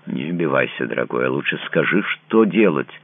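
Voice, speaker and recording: A man's voice: low voice, sing-song, normal speed, no echo, pitched above the performer's own voice, heavily acted. A man voicing an anxious, tender noblewoman who pleads with and soothes her lover, in a dry, narrow, phone-like recording. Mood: pleading.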